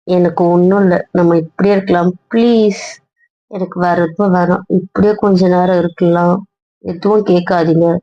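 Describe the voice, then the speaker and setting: A woman's voice: fairly low pitch, fairly even intonation, normal speed, no room sound. A young woman in casual couple banter, sulky, pleading and stubborn. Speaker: wife in a couple vlog skit. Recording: dull, dry lo-fi audio.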